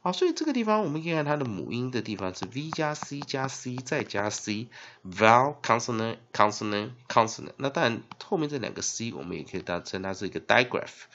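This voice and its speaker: A man teaching English spelling and phonics in Mandarin with a Taiwanese accent, spelling words out letter by letter and filling pauses with drawn-out "ah" sounds. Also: medium pitch, a little hiss or hum. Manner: spells words letter by letter, heavy fillers, lively emphasis. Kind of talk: classroom-style phonics lesson. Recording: dull lo-fi recording.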